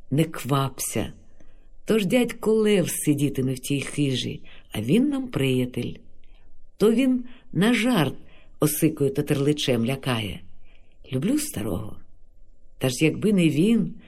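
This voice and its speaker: A man's voice: a little high, darkish tone. A man doing a stern old forest spirit. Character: small old bearded male forest spirit, grave and stern.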